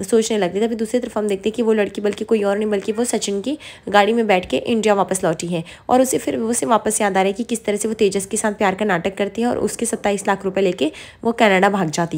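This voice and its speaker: A young woman retelling a TV serial episode in a fast, breathless way, full of fillers and restarts. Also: mid-range voice, steady tone, a little mellow. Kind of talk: fast storytelling recap.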